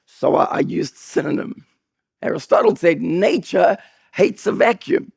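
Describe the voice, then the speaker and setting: Gravelly, husky-voiced male preacher. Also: a little slow, no echo, studio quality. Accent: non-local accent. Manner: animated, jokey storytelling with sudden high bursts. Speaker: pastor. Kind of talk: sermon.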